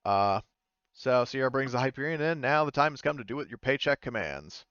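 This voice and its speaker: In a mid-range, expressive voice that's a bit bright and clean, a man narrates as game master for an online tabletop game on a voice call. He's casual but halting, frequently correcting himself. There's no echo, though the recording sounds muffled.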